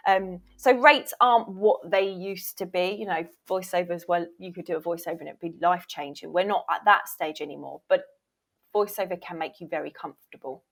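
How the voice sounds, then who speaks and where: A woman with a lowish voice speaks briskly, giving candid, emphatic answers as a guest in a conversational interview. She's on a podcast as a voiceover reel producer and former agent.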